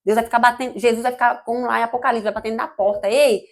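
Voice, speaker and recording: A woman's voice: on the high side, little pitch movement, rapid-fire. A woman with a Brazilian Portuguese accent giving an informal, fervent church sermon in a conversational, digressive way. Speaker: church member preaching.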